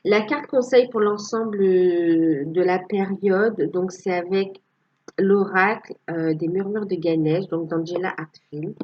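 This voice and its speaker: A woman's voice: on the low side, steady tone, takes it slowly, dull audio. A woman giving a casual tarot reading to her viewers, hesitant and full of fillers. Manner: hesitant, many fillers, tags with "hein". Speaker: tarot card reader.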